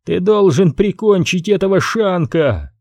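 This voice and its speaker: A man voicing a crazed, vicious teenage boy who shrieks and yells in a frenzy. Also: sits high, very animated, extremely slow, no room sound, clean studio sound, voice pushed up, full character voice. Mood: raving. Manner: shrieking, frantic yelling.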